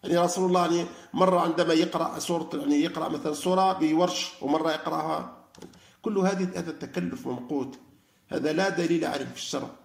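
A man giving a religious lecture, animated and arguing through rhetorical questions. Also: a little high, fast talker, vocal fry, reverberant. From Algeria. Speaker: lecturer on Quran study.

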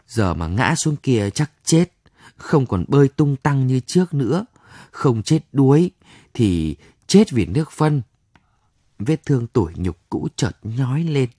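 A man reading a short story aloud in a soft, lingering, emotional late-night reading style. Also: mid-range voice, husky, no room sound, studio quality. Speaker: story reader. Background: soft violin music.

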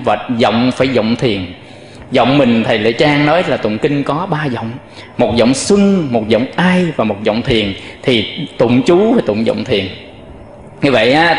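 A man who is a Buddhist monk, giving a patient dharma talk and addressing his listeners directly. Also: medium pitch. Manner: explains patiently, often addressing listeners directly, demonstrates chant tones. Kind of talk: dharma talk with chanting demonstrations. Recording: echoey hall with long reverb.

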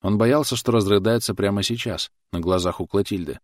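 A man narrating an audiobook in a measured, even reading voice. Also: fairly low pitch, no room sound, clean studio sound. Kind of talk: scripted narration.

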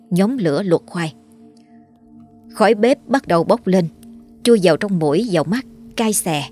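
A woman narrating a ghost story in a steady, dramatic storytelling voice. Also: lowish voice.

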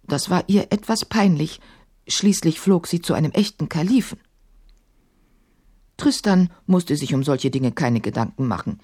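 A woman narrates a children's fairy tale with playful expression. Her slightly husky voice sits fairly low. It swings widely in pitch as she reads. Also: lively intonation, unhurried, warm tone.

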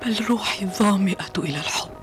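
An actress playing a desperate, lovesick young wife in a radio play, with a pleading, tearful delivery. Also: female voice, fairly high pitch, animated, moderate pace, over music. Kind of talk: radio drama acting.

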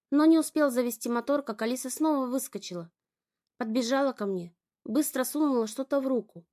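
A woman narrating a first-person audiobook story with steady, restrained delivery. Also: a little high.

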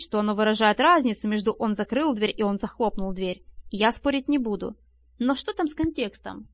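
A woman narrating a nonfiction audiobook in a lively, expressive reading voice. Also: fairly high pitch, no room sound. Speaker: audiobook reader. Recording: dull, lo-fi and dry.

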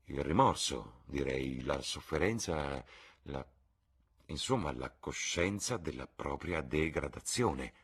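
A man voicing a serious, worried painter in an audiobook reading, with a husky voice and a grave, measured delivery. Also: extremely low pitch, lively intonation, heavily acted.

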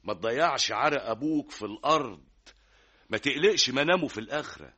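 A man's voice: mid-range voice, expressive, fast talker, pushed and bright, breathy edge. An actor playing a fatherly older Egyptian man giving earnest advice in a radio drama, with an Egyptian Arabic accent. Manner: earnest, paternal. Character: fatherly older hajj advising a young man. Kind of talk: 1960s radio drama acting.

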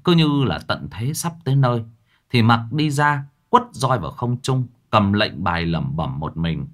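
A man narrating a ghost story in a dramatic, expressive way. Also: mid-range voice, normal speed.

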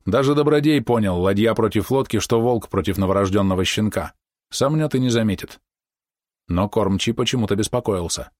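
Low-voiced male audiobook narrator. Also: no room sound, clean studio sound. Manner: steady, measured storytelling. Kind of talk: scripted narration.

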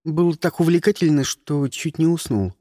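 A man narrating a first-person story in a wry, lively storytelling manner. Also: on the high side, moderate pace, dry recording, studio quality. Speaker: audiobook narrator.

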